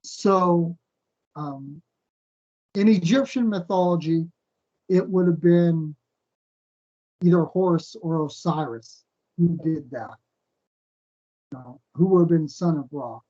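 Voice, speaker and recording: A man teaching a weekly scripture portion, breaking off often with "um" and "uh" as he thinks aloud, and slowing into a fuller cadence when he reads a passage. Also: a little high, mellow. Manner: halting, thinks aloud with many fillers. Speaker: Bible teacher. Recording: dull lo-fi recording.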